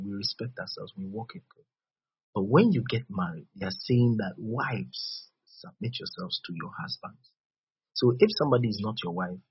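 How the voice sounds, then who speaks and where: A man preaches in a low, very husky voice with a West African accent. He teaches step by step, repeating his phrases and checking that listeners follow. The recording is dull and dry. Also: dry recording. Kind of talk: sermon.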